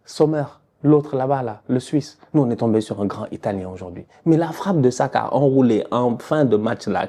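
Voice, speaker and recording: Mellow, husky man venting in bursts, casual reaction talk. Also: fairly low pitch. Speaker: football fan reacting.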